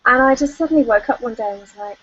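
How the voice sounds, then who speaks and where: A woman's voice: fairly high pitch, quick pace, a bit bright, no echo. Chatty woman on a dull call line. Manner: chatty and candid, with frequent fillers and laughter. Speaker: life coach speaking at an online event. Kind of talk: personal storytelling on a conference call.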